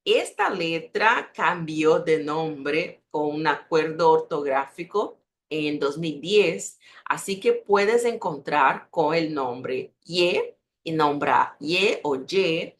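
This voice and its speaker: Slow, low-voiced woman teaching Spanish. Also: slight background noise. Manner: slow, repeats each example word; contrasts Spanish with Portuguese sounds. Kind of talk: pronunciation lesson.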